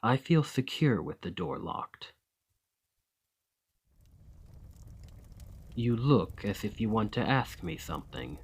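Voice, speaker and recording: The man turns wry and insistent as the centuries-old vampire and ex-soldier of this ASMR roleplay, weary yet courtly. His voice is on the low side, husky and sing-song, a full character voice, with formal, measured, old-fashioned phrasing.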